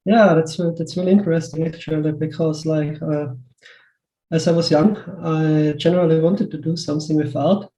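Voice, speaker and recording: A pixel artist from Western Austria speaks casually as an interview guest, his Austrian accent clear in a slightly high, warm, steady voice at normal speed. He hesitates and loops back, repeating words and scattering "like" asides throughout. The recording sounds roomy and echoey.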